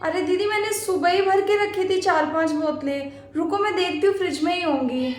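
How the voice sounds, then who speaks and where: A woman's voice: extremely high pitch, moderate pace. A woman playing a patient, hardworking young daughter-in-law who answers politely and tries to please. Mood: placating. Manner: polite, placating, eager to please. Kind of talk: homemade family skit acting. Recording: echoey room.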